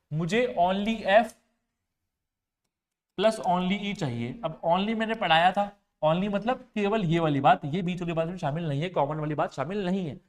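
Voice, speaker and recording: A man with a high-pitched voice gives an exam-prep maths lecture. He works through each problem step by step, mixing in terms, and keeps asking his students whether they follow. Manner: explains step by step, often asks students if they understood. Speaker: maths and reasoning teacher.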